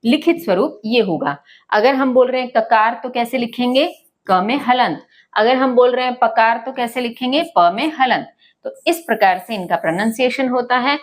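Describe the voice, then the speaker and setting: Woman teaching Sanskrit. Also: a little high. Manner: asks questions and answers them herself; slow, careful stress on syllables. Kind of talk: explaining a lesson to children.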